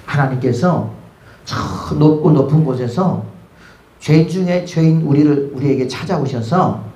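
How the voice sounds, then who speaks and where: A man's voice: on the high side, measured pace. A middle-aged man preaching a sermon as pastor, telling stories and acting out the voices in his dialogues. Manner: lively storytelling, acts out dialogue with God and friends. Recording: echoey church room.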